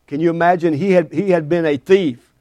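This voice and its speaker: A man's voice: a little high, steady tone, a little fast, dark tone, no room sound, highs cut off. A man preaching a folksy sermon in a small church, often repeating and restarting his words. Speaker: pastor.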